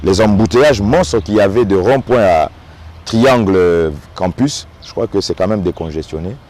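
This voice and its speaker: At a normal pace, a fairly low-pitched, slightly mellow male voice with a Congolese French accent offers political commentary during an on-site interview. The speaker, a local notable from the Democratic Republic of the Congo, is earnest and tends to repeat small words while groping for the next.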